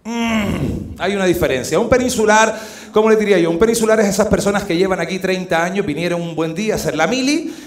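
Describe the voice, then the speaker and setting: A man's voice: sits high, quick pace. Brash Canarian man doing stand-up. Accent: Canarian Spanish. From Canary Islands. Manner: brash, teasing the crowd. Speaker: comedian and host. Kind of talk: stand-up comedy. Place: live stage in a hall with an audience. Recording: echoey hall with live audience.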